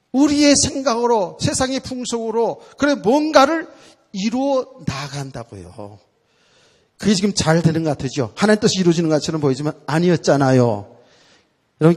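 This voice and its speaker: A male pastor preaching a sermon in a church. He talks in a colloquial way, acts out prayers in loud bursts, and drops to quiet, slow asides. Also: fairly high pitch. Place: church sanctuary. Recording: long hall reverb of a church.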